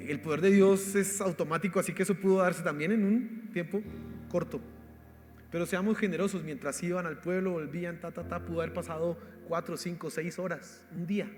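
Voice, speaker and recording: A Colombian man preaching a sermon as pastor, exhorting his listeners as "hermano" and swinging between loud emphasis and quiet asides. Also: high-pitched. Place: church hall. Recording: live church stream with reverb and faint music.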